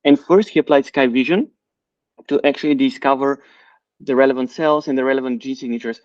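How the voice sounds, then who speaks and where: Middle-aged man from Bulgaria, CEO, explanatory and measured, dry slightly dull recording. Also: medium pitch, dry recording. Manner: measured, explanatory, with frequent fillers. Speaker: company CEO and co-founder. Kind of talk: interview answers.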